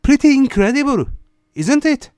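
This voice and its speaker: Here the host of a rant and explainer series talks conversationally through a casual explainer with quoted passages, putting questions to the listener. His pitch is extremely high with big swings, his pace moderate and his tone a little mellow. It's a dry recording of studio quality.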